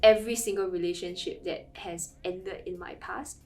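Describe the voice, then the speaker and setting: A woman's voice: on the low side, steady tone, moderate pace, distant mic, soft background music. A woman in her twenties speaking frankly in an interview, with laughing asides. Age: 20s. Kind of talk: casual interview answers.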